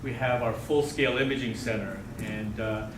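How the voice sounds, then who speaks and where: A man giving a welcome speech in front of an audience, speaking haltingly to the gathered crowd as one of the hosting partners. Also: mid-range voice, fairly even intonation. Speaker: medical center partner giving opening speech. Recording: echoey, noisy venue, distant microphone.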